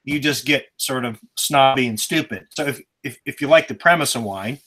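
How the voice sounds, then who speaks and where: A man's voice: medium pitch, normal speed, pushed and bright. A middle-aged man, a dad chatting on a family video call, joking and rambling through long explanations. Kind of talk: casual chat.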